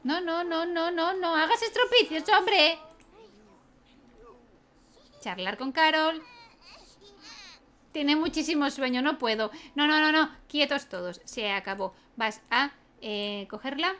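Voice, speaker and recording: Chatty high-voiced woman gamer. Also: slow pace, pauses often, sharp tone. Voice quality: chatty, laughs often, keeps asking ¿vale?. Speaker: gaming video creator. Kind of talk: let's play commentary.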